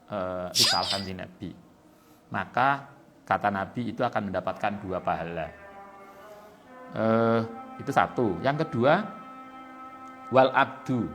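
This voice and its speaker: A man with a Javanese accent teaching a religious text, reading Arabic and glossing it in Javanese in a relaxed, talky way. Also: lowish voice. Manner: explains in plain talk with Javanese word-by-word glosses of Arabic text, many fillers. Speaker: kitab teacher at an Islamic boarding school. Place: boarding school study hall.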